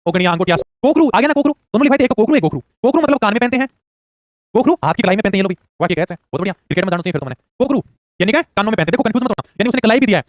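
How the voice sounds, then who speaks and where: A man runs through exam questions at breakneck speed. His voice sits high and he keeps pushing students to answer quickly. The recording is dry and close. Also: lively intonation, dry recording. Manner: rapid-fire, urging answers fast. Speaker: exam coaching teacher. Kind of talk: rapid quiz-style lesson.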